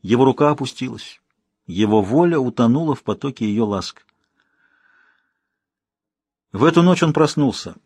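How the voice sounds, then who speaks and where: Husky male audiobook narrator. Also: medium pitch, lively intonation, moderate pace, pauses often, darkish tone, dry recording. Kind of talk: scripted narration.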